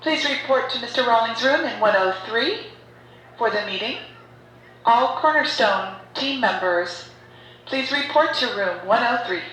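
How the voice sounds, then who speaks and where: A woman making a formal school announcement, heard over an intercom loudspeaker. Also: fairly high pitch, animated, a little hiss or hum. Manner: formal, measured paging. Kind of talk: public address announcement. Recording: echoey loudspeaker in a school room.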